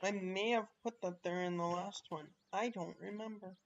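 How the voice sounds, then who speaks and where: A man streaming a train simulator in casual live chat, thinking aloud and chatting with viewers between pauses. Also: high voice, fairly even intonation. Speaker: livestreamer playing a train simulator. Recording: dull lo-fi stream audio with faint noise.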